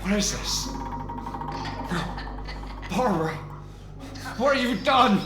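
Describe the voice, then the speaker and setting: A man playing a distraught, upright police commissioner in a radio drama, speaking in a strained, halting, earnest way. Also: high voice, expressive. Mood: horrified. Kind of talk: amateur radio drama acting. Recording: amateur radio drama with music behind.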